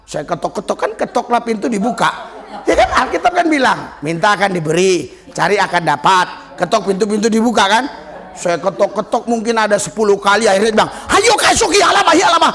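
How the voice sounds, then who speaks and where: A man's voice: high-pitched, animated, a little fast, fairly bright tone. A male pastor telling stories in a sermon, acting out other people's voices as he goes. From Nias, Indonesia. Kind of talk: storytelling sermon. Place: church service.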